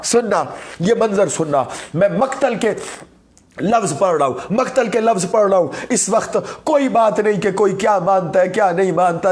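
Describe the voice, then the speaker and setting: A male religious orator with a Pakistani Urdu accent, giving a mourning sermon with impassioned wailing, swinging from shouts to low sobbing while weeping.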